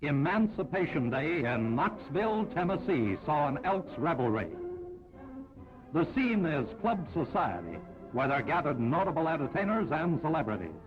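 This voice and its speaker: A man narrating an old 1940s newsreel in a brisk, upbeat announcer style. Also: a little high, sing-song. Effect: old newsreel sound. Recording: dull lo-fi 1940s film audio with music.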